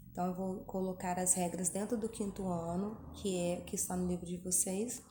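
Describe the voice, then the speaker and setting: A woman's voice: medium pitch, warm tone, a little hiss or hum. Patient teacher woman, echoey room. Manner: patient, slows down over example words, checks in often. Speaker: primary school teacher. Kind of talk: video lesson explaining grammar rules. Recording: echoey room with faint ambience.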